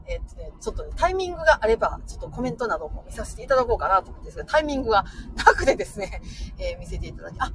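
A middle-aged livestream host, born in Osaka and raised in Nara, talks unscripted in a Kansai accent while reading comments, firing off rapid machine-gun chatter. Her voice is medium-pitched, with background noise.

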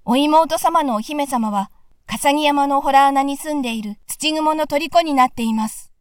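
A woman's voice: high voice, moderate pace, no echo, clean studio sound, pitched above the performer's own voice, lightly acted. Woman doing yapping eager magic dogs. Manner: excited, yapping barks. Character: eager loyal talking hunting dogs.

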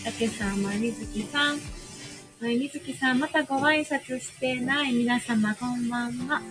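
A woman's voice: on the high side, normal speed, music in the background, rough recording. A woman with a Kansai accent, hosting a casual livestream and greeting listeners by name in an easygoing way. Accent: Kansai Japanese. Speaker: livestream host. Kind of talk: casual chat.

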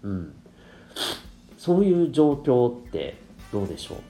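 Nasal, stuffed-up man with animated pitch. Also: a little slow. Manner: polite, explanatory. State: congested from rhinitis and dust. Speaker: podcast host and parenting coach. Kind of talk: solo podcast talk to listeners. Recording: roomy, echoey sound with light music.

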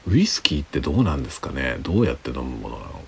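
A tipsy man rambling casually in a hushed late-night solo chat as a livestream host. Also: very deep voice, very animated, fast talker, creaky, a little hiss or hum. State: drinking alcohol, tipsy.

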